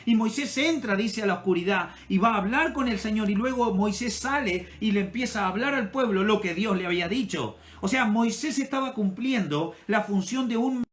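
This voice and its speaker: A male pastor with an Ecuadorian Spanish accent delivers an impassioned sermon in a fairly high voice. He swells and drops in loudness as he preaches.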